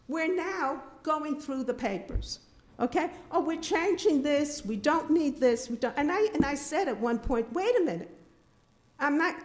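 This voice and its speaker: An older woman giving an indignant, emphatic public comment at a town board meeting, speaking into a podium microphone in a meeting room. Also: high voice. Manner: indignant, emphatic, repeats herself. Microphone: podium microphone, filmed from a distant camera.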